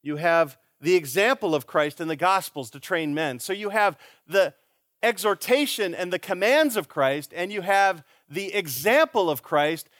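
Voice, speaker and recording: A male preacher delivering a sermon in a seminary chapel. His voice sits a bit high, and he presses his points with emphatic, forceful exhortation. The recording is dry and close, with little room sound. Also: no room sound.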